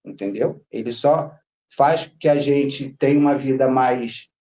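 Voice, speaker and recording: A man's voice: medium pitch, unhurried, warm tone. A Brazilian man, a podcast guest, telling his story in a rambling, casual way, with lots of filler words. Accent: Brazilian Portuguese.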